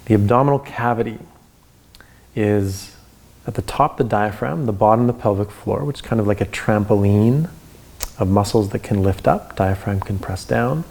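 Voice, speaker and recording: Calm yoga teacher guy, lowish gravelly voice, talking you thru breathing step by step w pauses. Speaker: yoga instructor. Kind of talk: guided breathing instruction.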